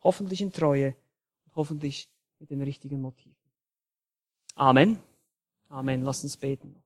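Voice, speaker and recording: A man preaching a sermon in a church, with emphatic, dynamic delivery that rises loud and drops soft. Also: mid-range voice, normal speed. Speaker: pastor.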